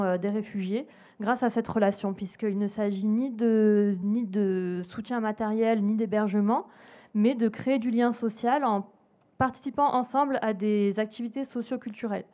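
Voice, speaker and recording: A woman's voice: mid-range voice, dark tone. A woman explaining a mentoring program for refugees at a public talk, with many hesitant fillers. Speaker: charity program speaker. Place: event hall with an audience.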